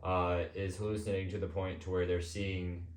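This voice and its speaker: A man hosting a podcast, talking casually and personally in an informal, somewhat halting way. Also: low voice, flat delivery, a little hiss or hum. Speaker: podcast host. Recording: echoey room.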